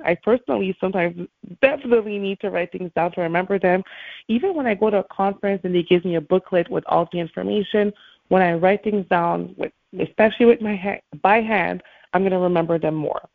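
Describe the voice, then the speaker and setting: A woman's voice: fairly low pitch, creaky, no echo. A woman speaking as a morning show host, giving an encouraging motivational talk and addressing her listeners directly, over a call line. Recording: thin phone-like call audio.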